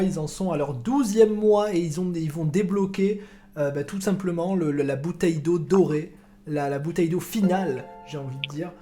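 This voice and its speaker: A man who hosts a casual football podcast rambles, jokes, and repeats his words in relaxed chat. His voice is mellow and a little high, and he is recovering from illness.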